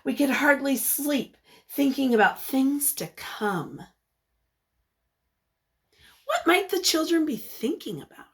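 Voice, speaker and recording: A high-voiced woman shares a picture book aloud as a teacher might. Encouraging and full of expression, she stops periodically to ask the kids questions.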